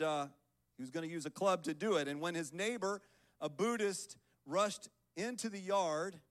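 A man giving an earnest sermon as guest preacher at a church service, reading scripture and building into prayer. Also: high voice.

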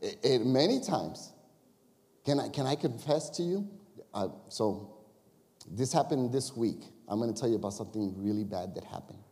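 A man's voice: mid-range voice, lively intonation, normal speed, dark tone. A male pastor preaching a sermon to his church, telling a personal story in a chatty way with frequent "right?" and "you know?" asides. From Chicago area. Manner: conversational storytelling with confessions and crowd asides. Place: church sanctuary. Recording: long reverb of a church hall.

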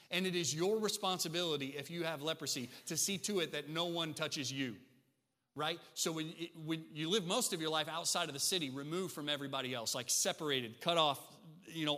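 Preacher with a bright voice in a reverberant hall. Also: male voice, fairly high pitch. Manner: conversational and animated, swinging between hushed and emphatic. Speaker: pastor. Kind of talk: sermon. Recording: long reverb of a large hall.

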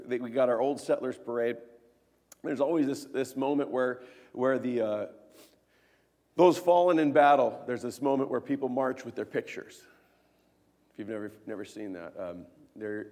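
A man in his thirties preaching a sermon as pastor, earnest, moving between hushed tones and emphatic peaks. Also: mid-range voice. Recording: long reverb of a church hall.

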